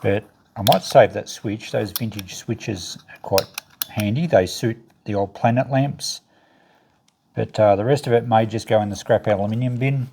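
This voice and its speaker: A lowish, gravelly, warm voice belongs to an e-waste recycler and reseller hosting a casual unboxing, speaking at normal speed as he thinks aloud matter-of-factly and sorts through items. Background noise with clicks is noticeable.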